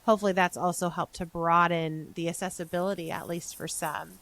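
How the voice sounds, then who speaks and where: Young adult woman host, lower voice; thoughtful, rambling interviewer. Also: little pitch movement, a little fast, fairly bright tone, low-quality recording. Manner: thoughtful, rambling questions with fillers. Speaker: podcast host. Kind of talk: conversational podcast interview.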